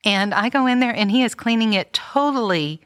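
A woman's voice: a little high, animated, brisk, a bit bright, no room sound. A middle-aged woman, co-hosting a podcast and sharing stories in a reflective, easygoing way with many fillers. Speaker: podcast co-host. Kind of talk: casual chat.

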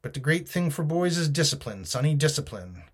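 A man's voice: a little high, very animated, fairly quick, breathy edge, voice pushed up. A man reading aloud, voicing a fawning, sneering old pirate with a wheedling, mock-friendly manner.

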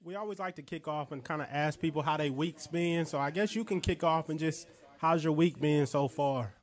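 A man's voice: fairly high pitch, normal speed, a loud crowd. A man co-hosting a faith and culture podcast, hype and slangy as he interviews a guest. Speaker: podcast co-host. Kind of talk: casual interview.

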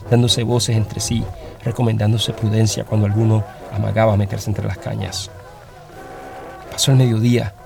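A man reading a story aloud as narrator, in a steady, dramatic storytelling manner. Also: on the low side, creaky.

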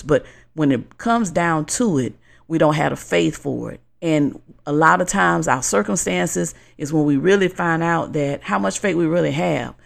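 A woman's voice: low-pitched, creaky. A woman co-hosting a podcast, talking in a conversational, reflective and explanatory way about faith and motivation. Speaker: podcast co-host.

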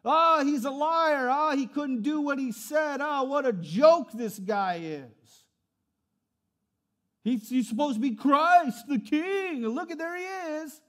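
A man's voice: very high voice, lively intonation, takes it slowly, a bit bright, pitched above the performer's own voice, exaggerated voice. A man voicing a jeering male onlooker, sneering and drawing out his taunts. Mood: mocking.

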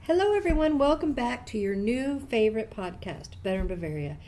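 A woman's voice: a little high, big pitch swings, fairly quick, warm tone, slight background noise. An American woman co-hosting a podcast for a public affairs office, speaking in a cheerful, friendly way. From United States. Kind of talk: podcast interview.

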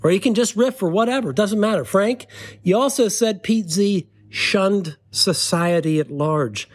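Comedy podcast host, middle-aged man, slightly high voice, dry sarcastic satire delivered with mock gravity. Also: unhurried. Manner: mock-serious, sarcastic, addressing a letter writer. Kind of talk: satirical monologue.

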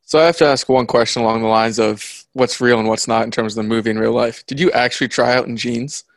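Guy asking a q&a question, talks fast, dry sound. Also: mid-range voice, fairly even intonation, dry recording. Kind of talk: casual Q&A.

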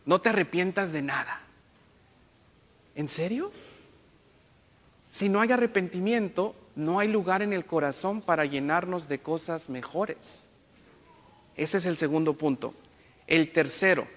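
High, bright-voiced priest with a playful homily. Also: male voice, measured pace, pauses often. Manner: playful, jokey asides and self-corrections; imitates other people's accents. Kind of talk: Sunday homily. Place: church. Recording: long church reverb.

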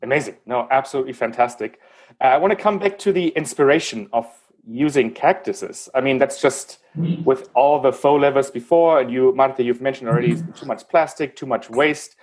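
A man's voice: mid-range voice, brisk, darkish tone. A man interviewing guests in a conversational way, asking questions. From Texas resident.

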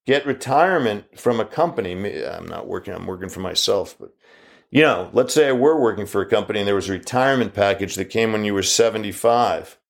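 A man in his fifties giving an argumentative opinion monologue full of rhetorical questions, his pitch jumping up as he challenges the listener. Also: vocal fry. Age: 50s.

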